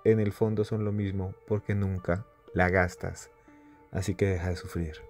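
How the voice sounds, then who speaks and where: A man voicing a calm neighbor who gently lectures a miser. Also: deep voice, normal speed, faint music behind. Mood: admonishing.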